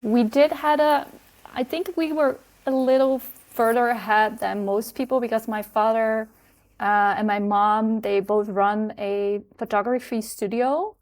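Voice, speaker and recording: A woman from the Netherlands in her thirties, a guest in an interview, talking reflectively with fillers and soft laughs. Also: a little high, steady tone, measured pace. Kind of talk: conversational interview.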